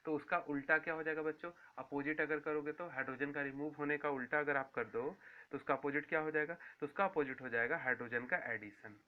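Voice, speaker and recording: Man teaching chemistry over a tinny line. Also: fairly high pitch. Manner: repeats key terms, asks and answers own questions. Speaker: science teacher. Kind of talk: classroom lecture to students. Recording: tinny phone-like sound.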